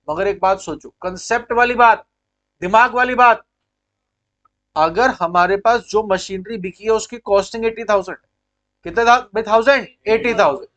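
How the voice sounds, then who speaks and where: Indian male accounts teacher, high-pitched, lecture delivery with constant check-ins. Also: a bit bright, dull audio. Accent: Indian English. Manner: quizzing pupils, repeating key points. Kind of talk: classroom-style lecture.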